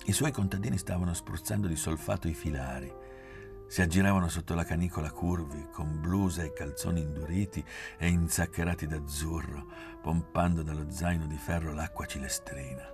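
A man reading a literary novel aloud in a measured, expressive way. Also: extremely low pitch, creaky, music in the background. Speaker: reader.

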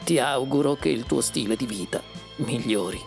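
An elderly man, slow and gravelly, protesting with wounded pride, as a male reader puts him on. Faint music plays softly behind. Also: mid-range voice, expressive. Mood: cold. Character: indignant old man, fussy artisan.

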